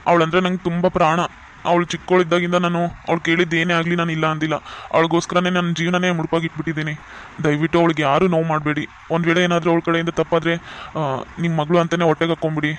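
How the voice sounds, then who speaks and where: A man voicing a tender middle-aged father of the bride in a cartoon, speaking gently and reassuringly. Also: a little high, completely flat delivery, quick pace, a little hiss or hum, close to an everyday voice. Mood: pleading. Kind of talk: cartoon voice acting.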